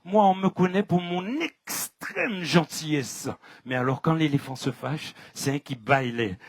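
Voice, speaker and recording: A man playing a hulking male elephant in a spoken folk tale, grumbling low and slow with a French Caribbean accent. He sounds menacing, his voice sitting lower than his usual, fairly high tone. The sound is close and dry. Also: expressive, no room sound. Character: big grumpy male elephant with a temper.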